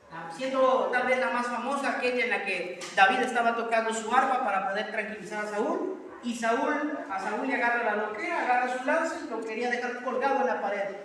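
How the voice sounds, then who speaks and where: A man preaches a dramatic sermon, putting questions to his congregation. His voice sits high. It booms through a large echoing hall, picked up from far off with a faint hiss. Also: a bit bright.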